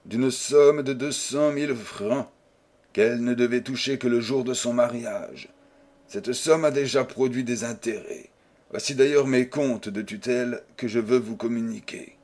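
A man's voice: medium pitch, steady tone, measured pace, darkish tone, lightly acted. A man reading an audiobook voices a proud old baron who scolds a young man with stiff, formal indignation. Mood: cold, formal. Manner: indignant, stiff and formal, then coldly businesslike. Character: stern proud old male baron, outraged.

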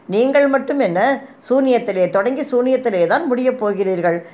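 A woman's voice: a little high, moderate pace, pitched above the performer's own voice, close to an everyday voice. Woman reading as a cryptic forest sorceress. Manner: calm, riddling, prophetic. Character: forest hunter woman, cryptic fortune-teller, calm.

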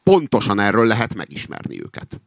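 A man voicing a suspicious, touchy male fox in a fable reading, with high agitated accusing outbursts. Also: wildly swooping pitch, vocal fry, dry recording, clean studio sound, heavily acted. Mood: indignant. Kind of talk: acted reading of a satirical fable.

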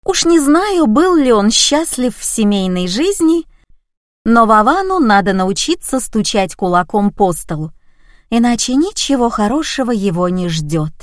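A woman's voice: a little high, very animated, unhurried, no room sound, studio quality. A woman reading an audiobook in a wry, ironic manner. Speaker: narrator. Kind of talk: audiobook narration.

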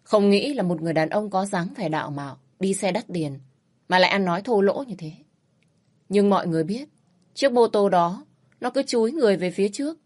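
A woman narrating a first-person story in a steady, reflective reading voice. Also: medium pitch, brisk.

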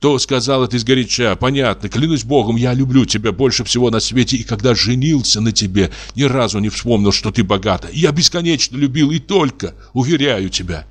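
A man playing a remorseful husband who speaks softly and tenderly to calm his wife. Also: medium pitch, a little fast, hardly any pauses, pitched above the performer's own voice, close to an everyday voice. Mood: tender soothing. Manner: soft, tender, pleading. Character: gentle remorseful husband, middle-aged, soothing.

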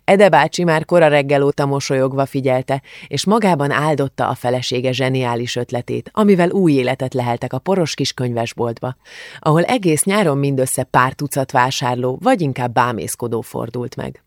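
Calm male audiobook narrator, dry sound. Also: mid-range voice, no echo.

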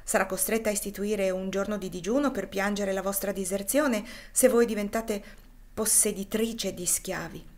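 A woman voicing a gentle, wry wealthy gentleman in an audiobook reading. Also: mid-range voice, steady tone, normal speed, close to an everyday voice.

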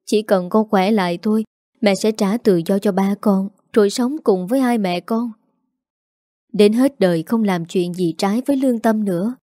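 A woman voicing a remorseful older mother in an audio story, speaking in a tearful, slow, pleading way. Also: medium pitch, dark tone, no room sound, studio quality, natural voice.

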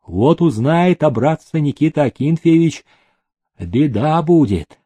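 A man's voice: on the high side, lively intonation, a little slow, mellow, breathy edge, pitched above the performer's own voice. A man voicing a fawning, scheming older male steward who whines and pleads. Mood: gloomy.

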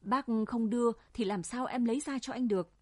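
A woman reading a storybook voices a gentle young village man coaxing a frightened friend home, with a husky voice. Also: a little high, a little fast, no room sound, lightly acted. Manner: soft pleading reasoning.

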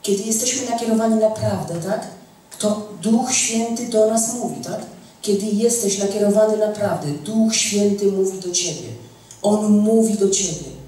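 A woman's voice: medium pitch, normal speed, mellow. A woman teaching a church group, stressing her points by repeating phrases and asking "tak?" to check that listeners follow. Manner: emphatic, repeats key phrases, asks "tak?". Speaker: women's teacher. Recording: echoey room, mic far off, faint noise.

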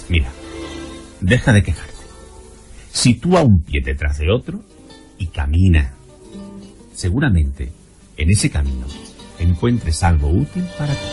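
A man giving a scripted, measured narration in a calm advising tone, with guitar music underneath. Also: low voice.

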